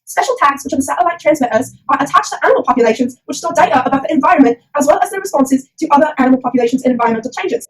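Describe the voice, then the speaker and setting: A woman voices a cheeky puppet presenter in a scripted comic science explainer, her high, lively voice racing along with few pauses. She's theatrical, slangy and chirpy, and the recording is rough.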